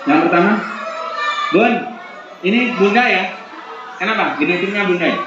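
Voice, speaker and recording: A high-voiced man in his forties gives a joking, animated seminar talk to parents and keeps asking the crowd questions. The recording is heavily echoey, as in a big hall. Room noise is clearly audible behind him. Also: normal speed, muffled recording. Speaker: seminar speaker.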